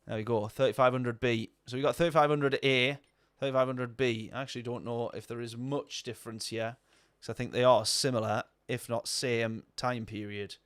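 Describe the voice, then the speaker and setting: Casting: male streamer, rambling casual commentary, average pitch, dry close sound. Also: steady tone, normal speed, few pauses, clean tone, dry recording. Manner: rambling, chatty, answers viewer chat. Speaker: sim-racing streamer.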